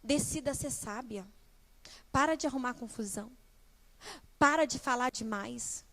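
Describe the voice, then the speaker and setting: A young woman preaching a sermon in church, animated, putting rhetorical questions straight to the congregation. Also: a little high, a little slow. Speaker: guest preacher and small-group leader.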